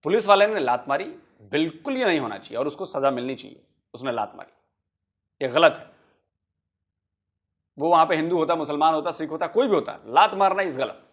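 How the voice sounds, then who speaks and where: Male reaction host, slightly high voice, emphatic and argumentative. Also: expressive, fairly quick, long pauses. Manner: emphatic, argumentative, addresses viewers. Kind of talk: reaction commentary.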